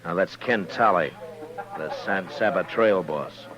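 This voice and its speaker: An actor playing a steady, world-weary American frontier marshal in a 1950s radio western, measured and laconic. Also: male voice, deep voice, crowd noise. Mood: calm, dry. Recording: dull vintage radio recording with music.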